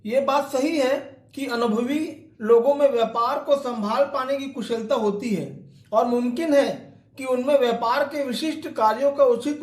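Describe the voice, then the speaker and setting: A man teaching English literature, reading each quoted line slowly and then explaining it in Hindi as a line-by-line lecture. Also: extremely high pitch, echoey room.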